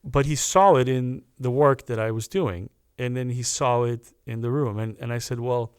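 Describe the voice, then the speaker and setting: Man, podcast guest, casual storytelling, animated, mid-range voice, dry room. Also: medium pitch, moderate pace, smooth, no room sound. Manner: animated anecdote teller with restarts.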